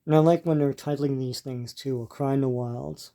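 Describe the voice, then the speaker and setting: Flipping through old comic strips, an older host narrates his casual show-and-tell in a relaxed, dark voice of middling pitch. He speaks haltingly and informally, much like someone thinking out loud.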